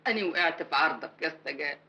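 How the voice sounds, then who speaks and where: A woman's voice: racing, sharp tone, slight background noise, poor audio. An actress playing a worried woman with an Egyptian accent, earnestly pleading with a neighbor in a classic film. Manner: pleading, blessing, low earnest tone.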